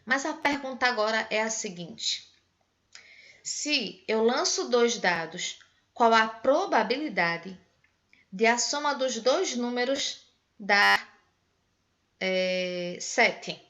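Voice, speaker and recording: A woman's voice: on the high side, expressive, slow pace, long pauses, sharp tone, muffled recording. A woman math teacher with a Pernambuco Brazilian accent, explaining a lesson in an online class and patiently counting through examples step by step. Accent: Pernambuco Brazilian Portuguese. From Northeast Brazil. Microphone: video call.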